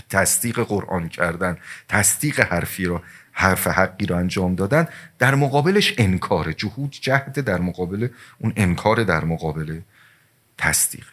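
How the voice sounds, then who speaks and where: A man preaching a sermon, telling stories with sudden rises and drops in pitch and loudness, and speaking directly to his listeners as dear ones.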